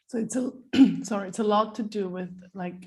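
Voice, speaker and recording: A woman's voice: mid-range voice, normal speed, darkish tone. Woman host summing up her guest. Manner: affirming, summarizing the guest's points. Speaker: interview host. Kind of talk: casual interview talk.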